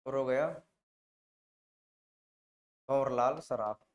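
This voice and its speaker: A man's voice: medium pitch, extremely slow. Man drilling memory tricks in a lesson. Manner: drills mnemonics with repeated questions and answers, shifting loudness. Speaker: teacher. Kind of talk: classroom-style exam coaching lesson.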